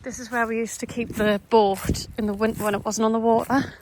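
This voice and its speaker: A woman's voice: on the high side, flat delivery, fairly quick, darkish tone. A woman chatting casually and rambling as she vlogs on a handheld camera. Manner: chatty, rambling, laughing asides. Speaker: vlogger. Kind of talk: casual vlog chat. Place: outdoors by a lake. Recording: outdoor noise.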